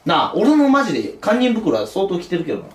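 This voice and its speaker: A man's voice: high-pitched, huge pitch swings, fast talker, far from the mic. A young man with a Kansai accent, hosting casually and scolding his friends in a confrontational, needling way. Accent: Kansai Japanese. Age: young adult. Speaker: prank video host. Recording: echoey room, faint noise.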